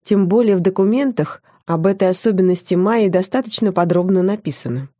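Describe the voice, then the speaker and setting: A woman's voice: medium pitch, brisk, dark tone, no room sound, close to an everyday voice. A woman voicing a dry, formal witch teacher. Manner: dry, reproachful.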